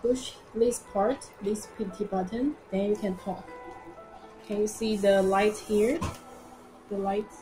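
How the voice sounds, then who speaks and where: A young woman with a mid-range voice and fairly even intonation presents products in an informal live demonstration in an indoor showroom. Her English is simple, halting and non-native, and she repeats phrases. The room echoes and music plays behind her.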